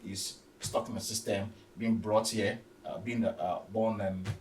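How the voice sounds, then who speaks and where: In an unscripted sports discussion, a football panellist with a fairly deep, slightly mellow voice speaks in a flat, halting way, stammering and repeating words. The recording sounds roomy and a bit distant, with faint noise.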